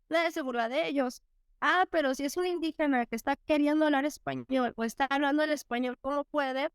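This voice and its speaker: High-voiced Mexican woman teacher. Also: no echo, clean studio sound. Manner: storytelling with many fillers and restarts. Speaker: teacher, guest. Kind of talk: reflective conversational interview.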